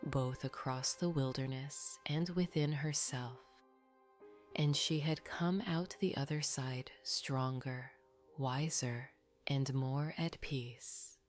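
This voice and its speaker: A woman reading scripted sleep stories in a soft, breathy, half-whispered voice, soothing and gently guiding the listener toward rest. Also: extremely low pitch, fairly even intonation, takes it slowly. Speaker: sleep story narrator. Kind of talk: scripted bedtime sleep story narration. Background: background music.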